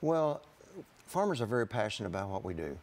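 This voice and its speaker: A man's voice: on the low side, very animated, brisk, darkish tone. A man, a farmer guest speaking plainly and earnestly in a TV studio interview, with many fillers, on a lapel mic. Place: TV studio set.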